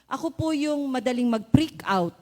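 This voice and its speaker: A woman's voice: high-pitched, animated, normal speed, mellow. Earnest woman giving a church testimony. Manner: earnest, polite, addresses the congregation as brothers and sisters.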